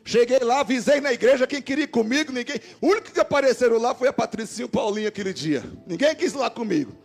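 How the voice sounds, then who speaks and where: A man with a Brazilian Portuguese accent, a pastor giving an animated sermon and acting out the dialogue in his stories. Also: very high-pitched, quick pace, creaky. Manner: animated preacher voicing quoted dialogue. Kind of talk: sermon with storytelling. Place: church service.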